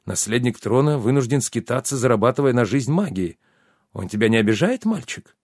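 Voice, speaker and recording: A man's voice: medium pitch, animated, a little fast, a little mellow, no echo, studio quality, natural voice. A man voicing a jovial, sly, plump baron who talks effusively in an audiobook. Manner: effusive, exclamatory, fawning.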